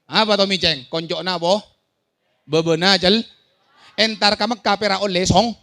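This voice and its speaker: A man preaching a sermon to a village gathering. He swings from shouted warnings to quiet asides and often questions and jokes with the audience. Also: high voice, steady tone, normal speed. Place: outdoor village religious gathering.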